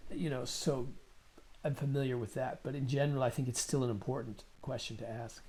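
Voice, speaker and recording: A man's voice: medium pitch, fairly even intonation, brisk, darkish tone, a little hiss or hum. Thoughtful man musing aloud in conversation. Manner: thoughtful, rambling, repeats words while thinking. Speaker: musician and guest. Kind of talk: conversational interview.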